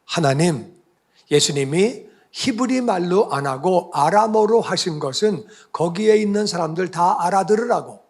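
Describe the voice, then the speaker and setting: Husky male pastor preaching. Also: sits high, expressive, normal speed. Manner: conversational, asks the congregation questions. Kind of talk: sermon.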